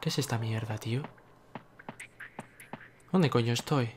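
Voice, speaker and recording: Impatient young Spanish gamer, swearing. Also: male voice, mid-range voice, a little slow, noisy background. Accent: Spain Spanish. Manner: impatient, swearing, talks to the game. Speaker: gaming youtuber. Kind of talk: let's play commentary. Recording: loud game music behind.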